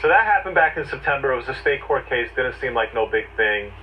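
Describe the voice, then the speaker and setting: A man's voice: mid-range voice, animated, a little fast. Distant-sounding man explaining, muffled audio. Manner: emphatic step-by-step storytelling in short phrases. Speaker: legal commentator. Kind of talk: conversational explainer of a legal case. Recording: distant, dull, noisy replayed audio.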